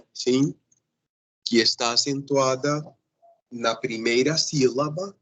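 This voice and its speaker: A male teacher giving a grammar lesson, patient and repetitive, often pausing to check that the class follows. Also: mid-range voice, breathy edge, rough recording.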